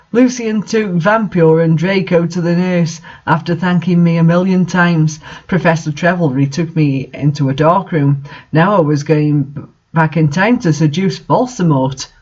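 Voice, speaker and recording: Heard through a muffled recording, a high-pitched man reads a story with comedic amusement, tossing in his own remarks. He's the host of a series reading bad fanfiction, and he keeps cracking up with laughter partway through.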